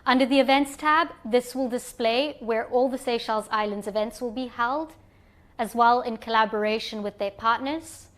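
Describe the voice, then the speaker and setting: A slightly high-voiced woman from Zimbabwe gives a guided walkthrough of an online platform for newcomers. Screen by screen, she explains things calmly and in order.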